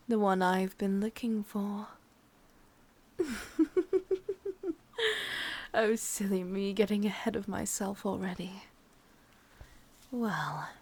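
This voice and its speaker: A woman with an English accent voices a sadistic forest witch who is possessive and teasing, half-whispering her drawn-out lines for an ASMR roleplay. She speaks at a medium pitch, her tone a little mellow and slightly rough.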